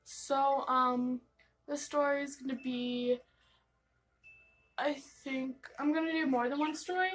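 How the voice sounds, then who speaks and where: A woman's voice: high voice, fairly even intonation, unhurried, pauses often, fairly bright tone, low-quality recording. A young American woman telling personal stories in a casual vlog, gossipy, giggly and rambling, acting out bits of dialogue as she goes. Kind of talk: casual confessional storytime.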